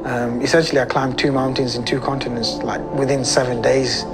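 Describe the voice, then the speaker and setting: A British man, an adventurer, telling his story in a lively, conversational way and speeding up when excited. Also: mid-range voice, brisk. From United Kingdom. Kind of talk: interview storytelling. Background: background music.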